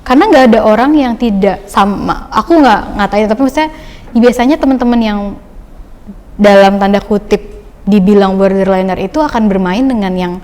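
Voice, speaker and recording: A young woman recalls her own life story for a podcast in a relaxed, chatty flow. Her phrases run on loosely with plenty of fillers. Her voice sits in a middle pitch, and a long reverb trails behind each word. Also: normal speed. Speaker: podcast guest. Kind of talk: casual personal testimony.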